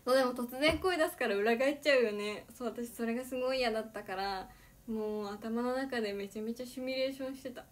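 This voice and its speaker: A woman's voice: on the high side, quick pace. A teenage girl, an idol livestreamer, chatting casually and giggling often between sentences. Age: teens.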